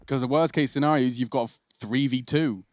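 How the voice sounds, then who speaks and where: A man's voice: mid-range voice, a little fast. A man calling esports action play by play, with colourful turns of phrase. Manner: colourful idioms, calls the action. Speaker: play-by-play caster. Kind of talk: play-by-play commentary.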